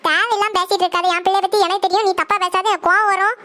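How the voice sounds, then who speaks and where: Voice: very high-pitched, level tone, very fast, pushed and bright. A performer voicing a hot-tempered mother who argues indignantly to defend her child, with a Kanyakumari Tamil accent, in a cartoon. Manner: indignant, arguing.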